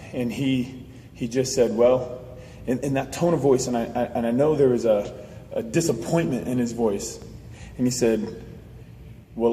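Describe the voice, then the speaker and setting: Earnest man delivering a passionate monologue, mellow tone, recorded from afar in an echoey space. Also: medium pitch. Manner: earnest, halting restarts, builds to emphatic declarations. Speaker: speaker sharing his views. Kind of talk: impassioned personal monologue. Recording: roomy distant mic with faint hiss.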